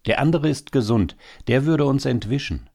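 A man's voice: mid-range voice, animated, moderate pace, mellow, voice pushed up. A man reading a story, voicing a hungry male hawk who bluntly eyes its prey in a raised, eager tone. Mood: greedy.

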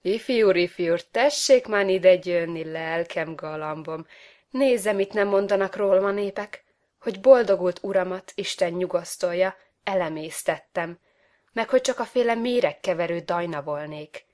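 A woman's voice: lowish voice, darkish tone, lightly acted. A woman voicing a sly old village widow, a poisonous flower in a storybook, coaxing and folksy.

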